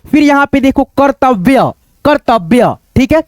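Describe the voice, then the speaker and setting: A man teaching how to read difficult Hindi words, sounding out each syllable slowly and repeating words, often checking in with his viewers. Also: extremely high pitch, lively intonation, no echo. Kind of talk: step-by-step spelling lesson.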